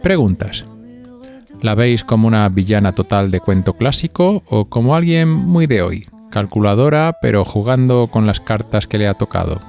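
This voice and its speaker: A podcast host with a Spanish accent from Spain reads scripted narration and poses conversational questions to his listeners. His voice is on the low side and creaky, moving at a moderate pace over music.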